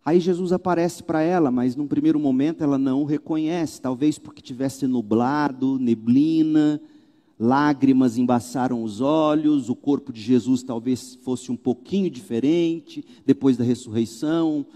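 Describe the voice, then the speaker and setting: A man preaching from a church pulpit, animated, with rhetorical questions and wry asides. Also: mid-range voice, normal speed, long reverb tail. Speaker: pastor. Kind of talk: sermon.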